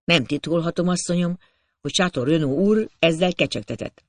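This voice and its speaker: Guy voicing a polite dinner host in an audiobook, a bit higher, gravelly. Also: fairly bright tone, dry recording. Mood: courteous. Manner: courteous, reassuring.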